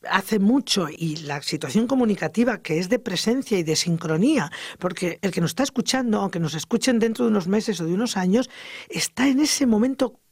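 A grammar teacher giving an educational radio lesson, explaining lively and acting out example sentences. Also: medium pitch, no room sound, clean studio sound.

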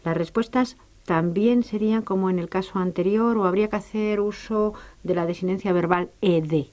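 A woman co-presenting a grammar lesson, asking measured questions that prompt the explanations. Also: medium pitch, a little mellow. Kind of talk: educational radio lesson.

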